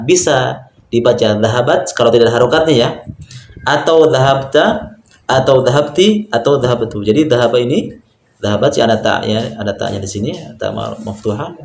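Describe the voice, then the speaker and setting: Patient male Arabic teacher, echoey room. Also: mid-range voice. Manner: patient, explains step by step, often says "Masya Allah". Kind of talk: online Arabic grammar lesson.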